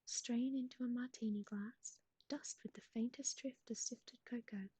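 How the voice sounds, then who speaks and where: A woman whispering recipes in a soft ASMR style, close to the mic, with gentle asides to a pet. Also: on the high side, steady tone, normal speed, husky, dry recording. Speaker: ASMR streamer.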